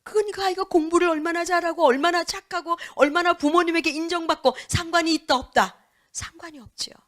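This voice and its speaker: An older woman, a pastor's wife, giving a lively church lecture to Sunday school teachers, asking the audience questions and dropping to a whisper for emphasis. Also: very high voice, a little fast.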